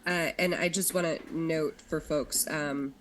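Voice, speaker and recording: A woman talking casually and haltingly as a player in a tabletop game. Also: deep voice, steady tone. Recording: faint background noise.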